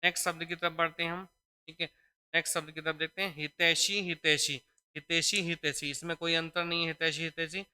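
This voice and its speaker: A man's voice: fairly high pitch, level tone, brisk, sharp tone, clear, resonant tone. A man teaching a spelling lesson for exam preparation. He explains step by step, repeats each word, and keeps checking in with his students. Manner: addresses students fondly as children.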